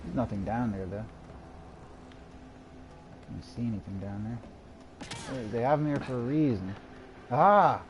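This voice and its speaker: A man's voice: medium pitch, normal speed, long pauses, noisy background. A man streaming a game live, muttering to himself as he plays and drifting into rambling stories. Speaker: gaming streamer. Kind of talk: live gameplay commentary.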